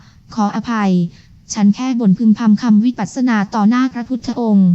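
A calm, learned young woman, read by a woman in an audiobook, soft-spoken and measured. Her voice sits a little high with a mellow warmth, recorded dry and slightly dull. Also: dry recording, close to an everyday voice. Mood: apologetic. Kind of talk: audiobook character voice.

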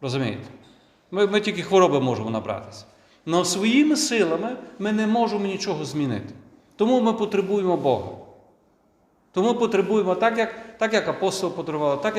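Priest preaching in a church, kinda high voice, lots of questions to the crowd, big echo. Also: male voice, big pitch swings, a little fast. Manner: conversational, with rhetorical questions and restarts. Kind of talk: sermon. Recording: echoey church with long reverb.

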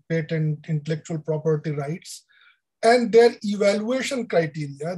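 An older man with an Indian English accent giving an online lecture over a video call, explaining deliberately with frequent fillers. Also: high voice, darkish tone, breathy edge, low-quality recording. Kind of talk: online lecture on education policy.

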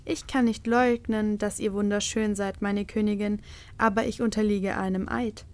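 A woman reading a storybook voices a male magic mirror spirit bound by an oath, speaking slowly and formally. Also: mid-range voice, level tone, natural voice. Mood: solemn. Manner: slow, measured and formal.

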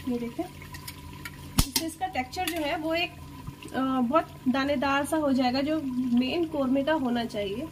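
In her home kitchen, a cooking channel host walks viewers through a step-by-step demonstration, explaining everything in a chatty, unhurried way. Her voice is high, and the recording picks up plenty of household noise.

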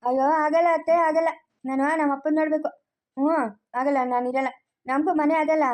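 A woman's voice: sits high, steady tone, a little fast, darkish tone, close to an everyday voice. A woman playing a stubborn young village man in a family skit, speaking rural Chikkaballapur Kannada in an insistent, scolding way.

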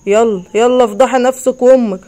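A woman's voice: on the high side, steady tone, quick pace, warm tone, natural voice. A woman voicing a predatory middle-aged stepfather with an Egyptian accent, speaking slyly and threateningly. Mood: menacing. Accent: Egyptian Arabic. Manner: sly, threatening.

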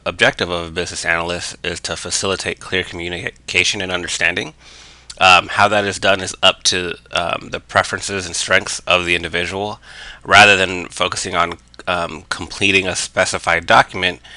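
A man with a very low, flat voice narrates a hand-drawn explainer lesson. His tone is bright and crisp, recorded dry and close. He talks steadily and keeps dropping in "um" fillers. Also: dry recording. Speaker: business analysis educator.

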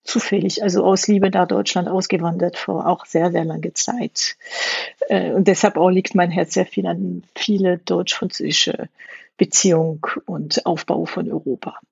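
A woman's voice: fairly low pitch, fairly even intonation, unhurried, creaky, darkish tone, husky, no echo, muffled recording. A middle-aged woman from France with a French accent, a games industry guest in an interview, speaking hesitantly with many fillers.

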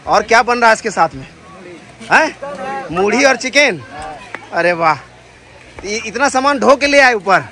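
Walking a forest trail beside a waterfall, a man records lively travel-vlog commentary in a high voice, addressing viewers directly and talking with people he meets. He speaks a little slowly with long pauses, filmed on camera by a companion as they walk.

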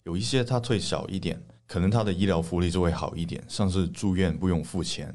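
A man's voice: low voice, brisk, darkish tone. A man answering as a guest on a radio talk show, explaining in a conversational way.

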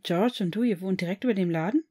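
A woman's voice: medium pitch, fast, warm tone, breathy edge, lightly acted. A shy, easily flustered teenage boy who stammers when caught off guard, read by a woman. He talks hesitantly, in a plain audiobook reading.

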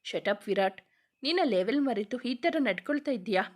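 A woman's voice: on the high side, animated, moderate pace. A woman voicing a stern, wealthy middle-aged mother who scolds in a dismissive tone. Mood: angry.

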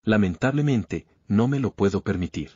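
A man's voice: lowish voice, expressive, normal speed, darkish tone, breathy edge, no echo. A man voicing a smug, powerful young cultivator who speaks curtly and dismissively. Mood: cool. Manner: cool, curt and dismissive. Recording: slightly dull lo-fi recording.

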